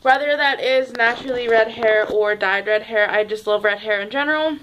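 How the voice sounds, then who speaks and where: A woman's voice: fairly high pitch, normal speed, a bit bright, a little hiss or hum. A young woman chatting casually in a home vlog, rambling and restarting her sentences as she talks to her viewers. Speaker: vlogger. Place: home room, at a table.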